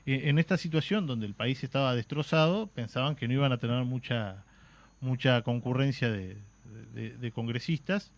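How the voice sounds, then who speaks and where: This man, with a Uruguayan Spanish accent, is a radio talk show guest explaining history at medium pitch and normal speed. Patient in tone, he often restarts and fills pauses with "este" and "eh". He's recorded on a studio microphone.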